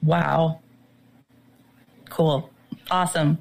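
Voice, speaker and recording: A woman's voice: low voice, steady tone, extremely slow, gravelly, a little mellow. A woman chatting casually as a contestant on a dating game. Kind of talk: casual chat.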